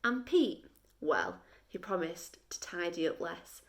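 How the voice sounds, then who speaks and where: A woman reads a story for children in a teacher-like style, her voice on the lower side. She speaks carefully and expressively and uses dramatic pauses.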